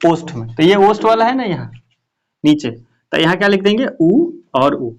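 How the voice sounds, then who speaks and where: A man's voice: high voice, sing-song, normal speed. A male teacher giving a classroom lesson, often asking questions and repeating the answers.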